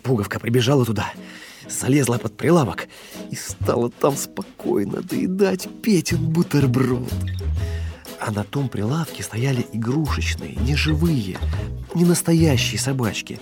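A man narrating a children's story with an expressive, lilting read-aloud delivery. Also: medium pitch, unhurried, music in the background.

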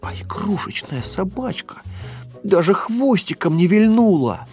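A man narrating a children's story with an expressive, lilting read-aloud delivery. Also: sits high, unhurried, faint music behind.

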